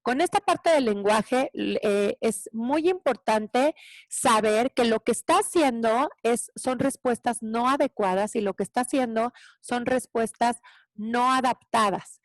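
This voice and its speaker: A woman teacher gives an animated parenting talk, acting out children's voices. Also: on the high side, unhurried, no room sound.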